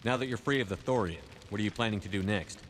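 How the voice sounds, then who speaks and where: Commander Shepard, deep resolute soldier played by a man. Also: fast talker, a little hiss or hum, natural voice. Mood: calm. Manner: terse, commanding. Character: stern, resolute male military commander in space. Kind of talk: video game dialogue.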